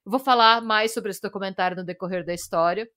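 A woman's voice: mid-range voice, a little fast, bright, forceful tone. A woman with a Brazilian Portuguese accent co-hosting a podcast, telling a story animatedly, laughing and tripping over her words. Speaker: podcast co-host. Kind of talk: casual storytelling chat.

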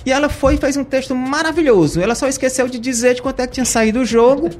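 High-voiced man, chatty storyteller. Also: quick pace. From Ceará, Brazil. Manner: chatty, anecdotal, frequent tag questions. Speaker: guest, journalist. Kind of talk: conversational storytelling.

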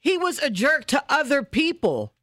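A woman's voice: high-pitched, normal speed, no room sound, clean studio sound. A woman co-hosting a radio show, arguing back playfully in casual banter. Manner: animated, playful, argues back.

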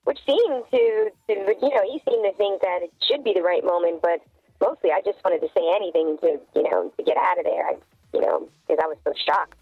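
A woman's voice: fairly low pitch, fairly quick, no room sound. Woman caller through a voice changer. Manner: hesitant, full of "I mean" and "you know". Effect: voice changer disguising the voice. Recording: tinny phone line, dry, faint music.

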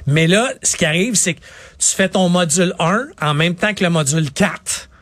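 A middle-aged man with a Quebec French accent, an IT consultant explaining things in an animated way on a talk show. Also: high-pitched, moderate pace, dry recording, studio quality. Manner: animated, explanatory, acts out clients in quotes. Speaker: IT consultant guest. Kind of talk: radio talk interview.

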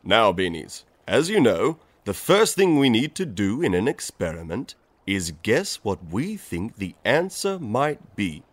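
A man's voice: lowish voice, sing-song, unhurried, dry recording. An actor playing a jolly, eccentric male science professor in a children's educational show, with theatrical, exclaiming delivery. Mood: jolly, instructive. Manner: exclaiming, theatrical, with a signature "ah, ah, ah" laugh.

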